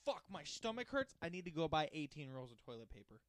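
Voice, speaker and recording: A man's voice: a little high, sing-song, quick pace. A young man, co-hosting a casual podcast and speaking bluntly, profanely and teasingly. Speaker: podcast co-host.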